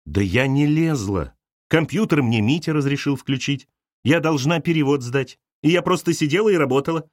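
A man reading an audiobook voices a grown woman who pleads, trying to stay calm. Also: a little high, normal speed, no echo, clean studio sound, natural voice. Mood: pleading.

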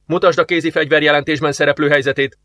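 A man's voice: a little high, fairly even intonation, a bit bright, no room sound, close to an everyday voice. A man playing a male deputy commander who gives terse, commanding orders. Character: eager male deputy commander investigating a murder.

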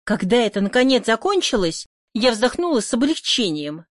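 A woman's voice: a little high, big pitch swings, moderate pace, no echo, studio quality. A woman reading an audiobook voices a haughty, irritable woman who answers sharply and scornfully. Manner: sharp, scornful, snapping back. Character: haughty, irritable middle-aged woman, sister-in-law. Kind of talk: audiobook character voice.

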